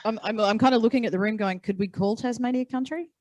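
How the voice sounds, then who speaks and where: A woman's voice: on the high side, quick pace, darkish tone, dry recording. A woman with an Australian accent moderating a live conference panel, chatty and playful, teasing the panelists. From Queensland. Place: conference venue.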